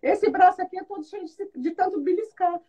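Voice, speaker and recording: A woman's voice: extremely high pitch, brisk, a little hiss or hum. A woman being interviewed about being a mother, telling good-humored stories and acting out what people said. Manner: animated storyteller who acts out quoted dialogue; good-humored, laughs often. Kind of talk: casual conversational interview.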